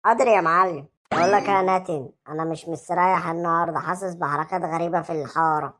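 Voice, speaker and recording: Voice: mid-range voice, steady tone, fast, fairly bright tone, lightly acted. A performer voicing a timid, obedient talking carrot who serves a gang boss, speaking with an Egyptian accent. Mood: uneasy. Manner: nervous and obedient. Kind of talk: comic cartoon acting.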